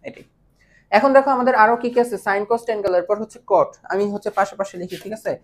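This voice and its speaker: Quick-paced and mid-range in pitch, a woman's voice carries an online math lesson. She patiently checks her students' understanding with questions and slips English math terminology into her speech.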